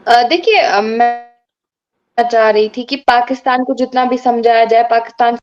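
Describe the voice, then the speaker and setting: A woman's voice: fairly high pitch, moderate pace, faint music behind. Woman on a breaking-up call line. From Kashmir, India. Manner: earnest, insistent, hesitant with many fillers. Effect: connection breaking up and cutting out. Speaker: interview guest. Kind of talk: political interview over a remote call. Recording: dull lo-fi call line, distant.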